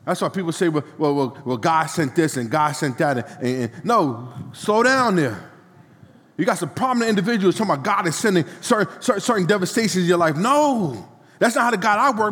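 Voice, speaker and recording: A high-voiced man preaches with lively, swooping intonation, repeating lines and calling the congregation to answer back. His voice carries a long reverb from the church hall. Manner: preaching with call-and-response and repetition. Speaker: pastor. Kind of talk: sermon.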